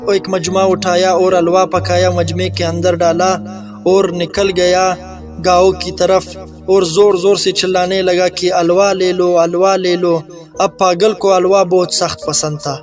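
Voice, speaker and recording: High, flat-voiced man telling a folk tale. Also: faint music behind. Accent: Pakistani Urdu. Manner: plain, conversational retelling with restarts. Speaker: storyteller. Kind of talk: casual oral storytelling.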